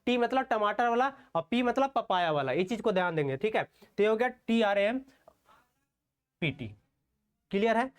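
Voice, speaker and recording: A man's voice: high voice, lively intonation, smooth. Step-by-step male shorthand teacher. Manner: repetitive, rhetorical questions, frequent "okay" check-ins; slow, step-by-step explanation while writing strokes. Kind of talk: online stenography class.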